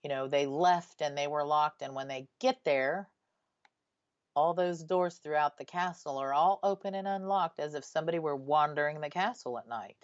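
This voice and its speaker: Low-pitched woman hosting ghost radio. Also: normal speed, no room sound. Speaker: radio show host. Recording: slightly dull, dry sound.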